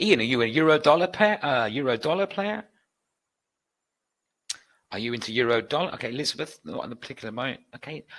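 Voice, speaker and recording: A British man from the United Kingdom, a trading educator, hosts a live webinar Q&A. His bright, mid-range voice sounds chatty and upbeat as he reads out viewer requests and answers them.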